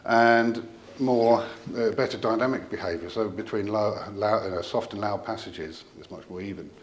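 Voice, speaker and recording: In a casual technical presentation, a low-voiced man from an audio company describes his product's equipment, frequently pausing and drifting into trailing asides. Background noise in the room is clearly audible.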